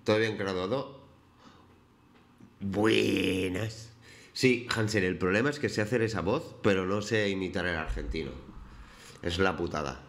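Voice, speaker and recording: A man's voice: sits low, unhurried, pauses often. A man chatting casually with his viewers on a live stream, greeting them by name while he paints.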